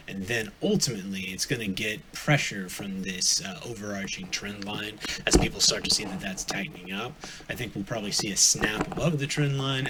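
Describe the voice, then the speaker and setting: Low-voiced guy rambling through forex charts on a noisy stream, lots of ums. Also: sharp tone. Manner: casual, rambling, thinks aloud with many fillers. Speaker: trading stream host. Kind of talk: live forex chart walkthrough. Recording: noisy live stream audio.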